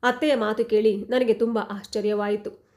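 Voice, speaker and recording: A woman's voice: medium pitch, steady tone, moderate pace, a little mellow. A woman narrating a heartfelt first-person story in a scripted, earnest, emotional way.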